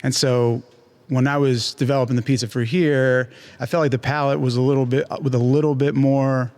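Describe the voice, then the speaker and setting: A young man talking easily as a guest on an interview show. His pitch sits in the middle, and his delivery is loose and chatty, full of fillers and casual slang. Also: fairly quick. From born in Chile, raised near New York City. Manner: relaxed and chatty, many fillers like "like" and "you know". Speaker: guest, pizza shop owner.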